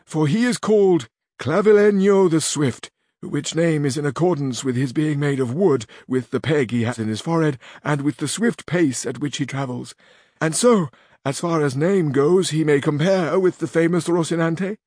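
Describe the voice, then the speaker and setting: A man's voice: a little high, normal speed, darkish tone, no echo, clean studio sound, natural voice. A man doing a lamenting distressed noblewoman. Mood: formal. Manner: florid, lamenting.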